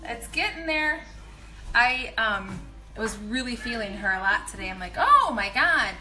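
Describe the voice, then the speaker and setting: Loud music sits behind the voice of a pregnant nutrition coach in her thirties, whose tone is on the high side and pace unhurried. Chatting and rambling with animated asides, she gives meal prep tips in her home kitchen on a casual live video, phone held at arm's length. Audio is poor.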